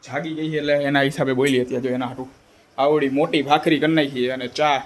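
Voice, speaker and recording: A man's voice: medium pitch, fairly even intonation, fast, slight background noise. A man, chatting to camera in a casual family vlog, teasing his family. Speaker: vlogger.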